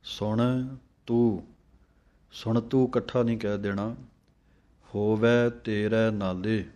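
A man teaching careful scripture recitation line by line, chanting each phrase slowly and then briefly explaining how to say it. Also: fairly low pitch, level tone, darkish tone. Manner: slow chanted lines, then quick spoken corrections.

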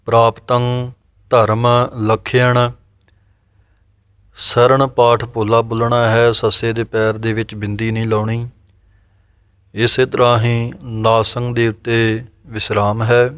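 A man teaching scripture pronunciation, slowly reciting verses and then spelling out letters and vowel marks one by one. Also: mid-range voice, clear, resonant tone, dry recording, clean studio sound. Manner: slow, deliberate chanted recitation of verses, then plain explanation.

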